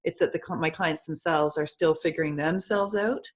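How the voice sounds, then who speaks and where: A middle-aged woman co-hosting a casual video-call chat, agreeable and quick to laugh. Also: sits low. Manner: chatty, agreeable, laughs often. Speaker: co-host of essential oils show.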